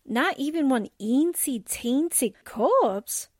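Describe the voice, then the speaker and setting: With an exaggerated, high, animated voice, a woman takes it slowly as a wisecracking newspaperwoman from 1940s radio drama. The mood is sardonic and teasing, her manner sassy, full of slangy quips and exclamations. The studio recording is clean, with no room sound.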